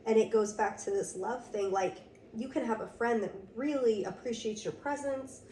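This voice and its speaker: A young woman co-hosting a casual podcast chat, slightly hoarse, talking earnestly and reflectively with lots of fillers. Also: a little high, normal speed, mellow. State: slightly hoarse from a sore throat. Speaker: podcast co-host. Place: room with door open to rain. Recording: roomy echo, mic at a distance, faint background noise.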